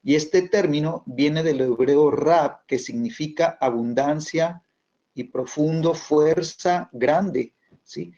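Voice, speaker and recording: A man teaching a church class on scripture, halting often with fillers and tag questions. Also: on the high side, warm tone. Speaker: bible teacher. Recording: dull lo-fi recording.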